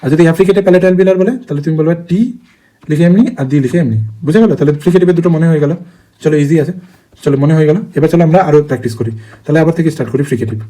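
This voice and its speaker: Give me a man teaching phonetics, slightly high voice, repeating the lists again and again. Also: warm tone, rough recording. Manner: rapid, repetitive drilling with frequent check-in questions. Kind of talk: online phonetics lesson.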